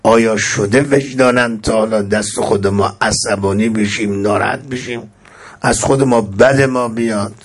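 A man giving a sermon. He recites Arabic verses slowly, then explains them in everyday speech with emphatic rising exclamations. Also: fairly low pitch, steady tone. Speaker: preacher.

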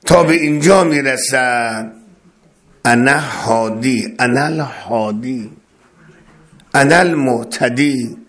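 A man gives a religious sermon with a steady, mid-range voice. He declaims each point emphatically, recites Arabic phrases and explains them, and repeats key words for stress. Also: mid-range voice. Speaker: preacher.

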